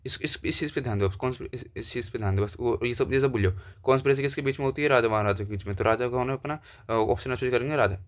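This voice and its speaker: A man's voice: mid-range voice, rapid-fire. A young man teaching an exam-prep lesson in casual chat, thinking aloud and repeating keywords again and again. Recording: dull lo-fi sound.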